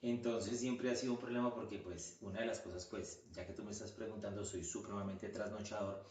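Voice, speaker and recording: Colombian man, podcast guest, lowish voice, rambling with fillers, slightly off-mic in an echoey room. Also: steady tone, brisk, darkish tone, recorded from a distance. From Colombia, Quindío region. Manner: chatty, with many fillers and restarts. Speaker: guest, orthodontist. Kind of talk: casual interview chat.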